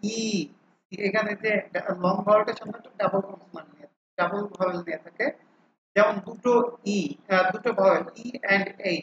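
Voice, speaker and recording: A man's voice: high-pitched, fairly bright tone, a little hiss or hum. A man teaching phonics, explaining each vowel and repeating the sounds over and over for drill, with English terms mixed in. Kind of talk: explaining a lesson. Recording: echoey room, dull lo-fi sound.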